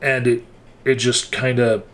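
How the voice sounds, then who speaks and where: In a level, wry tone, a man with a typical mid-range voice gives casual and candid political commentary. He frequently stops, hesitates and begins sentences again as he works through his thoughts.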